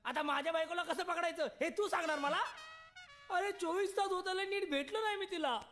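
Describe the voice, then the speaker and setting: An actor playing an eager, lovesick young husband, defensive and pleading, in a film comedy. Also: male voice, very high-pitched, a little fast, pushed and bright. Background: film score music.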